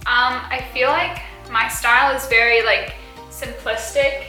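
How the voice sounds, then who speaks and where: Answering viewer questions, a beauty and lifestyle YouTuber in her early twenties chats along with plenty of fillers and small giggles. She's from South Africa but grew up partly in Australia, so her accent is mildly Australian, and her fairly high voice stays steady, a little slow, pushed and bright. Faint music plays behind her in a roomy, rough recording.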